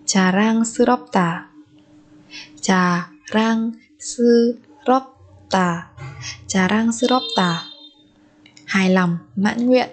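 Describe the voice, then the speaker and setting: Brief: a Vietnamese woman teaching Korean words, drilling each one slowly, with a soft, breathy voice. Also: medium pitch. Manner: slow, deliberate, repeats each word three times. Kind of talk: vocabulary lesson with repeated pronunciation.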